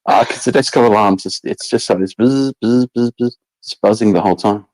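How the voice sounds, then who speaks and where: A man's voice: on the low side, a little fast, a little mellow, poor audio. A middle-aged man from England, a guest chatting casually on a video call, rambling with many restarts and fillers. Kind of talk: casual chat.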